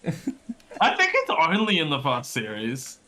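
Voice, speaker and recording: Very animated joking co-host, a man. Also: a little high, slow pace. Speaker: co-host of a game playthrough. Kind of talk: casual joking banter.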